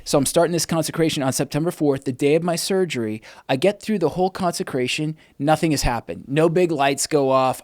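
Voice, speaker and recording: This middle-aged interview guest recounts his own testimony with candor and energy, voicing the dialogue himself. He has a mid-range voice, captured in a dry recording.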